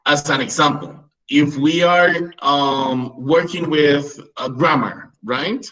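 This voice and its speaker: A Peruvian man in his thirties, a native Spanish speaker, teaches a webinar for English teachers over a video call. His voice is fairly high and fairly bright, and he speaks slowly in an explanatory way, often checking in with "right?" The audio sounds dull.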